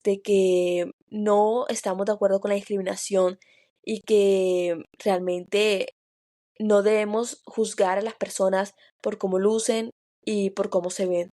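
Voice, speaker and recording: A woman's voice: mid-range voice, warm tone. Earnest, reflective woman podcast co-host. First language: Spanish. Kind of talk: casual podcast chat.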